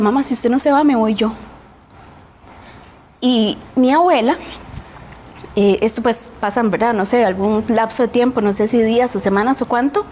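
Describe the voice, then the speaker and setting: A woman's voice: a little high, a little mellow, a little hiss or hum. A woman with a Costa Rican accent, a guest on a TV talk show, earnestly telling her own story and often adding a questioning tag. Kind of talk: personal storytelling in a TV interview.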